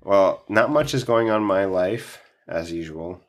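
A man's voice: deep voice, measured pace. A man hosting a podcast in casual chat, stuffy from allergies, who swears often and laughs a lot. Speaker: podcast host.

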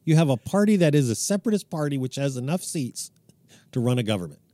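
Mellow dry-sounding guy, podcast cohost, kinda teasing. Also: medium pitch, big pitch swings, fast, no echo. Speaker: podcast co-host. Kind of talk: casual political chat.

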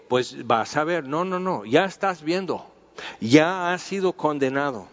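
A man teaching through a Bible passage in an informal, conversational way. He repeats himself and uses many fillers as he talks. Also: fairly high pitch. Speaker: preacher. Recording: dull, lo-fi sound with long hall reverb.

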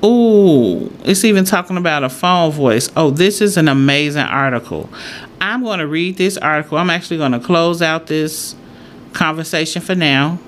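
A woman's voice: deep voice, moderate pace, fairly bright tone. A woman chatting casually to followers as a host, thinking aloud and repeating her points for emphasis. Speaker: solo host. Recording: clear background noise, room ambience.

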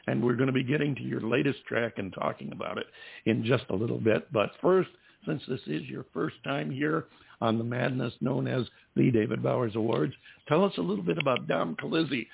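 An older man hosts a casual interview in a gravelly, husky voice with an easygoing, joking manner. His voice comes through a thin, phone-like line at a middle pitch. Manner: easygoing, jokey banter. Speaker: show host.

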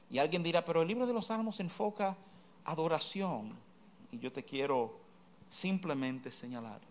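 A man teaching from the Bible, speaking earnestly and straight to the listener, with many rhetorical questions. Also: mid-range voice. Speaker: preacher.

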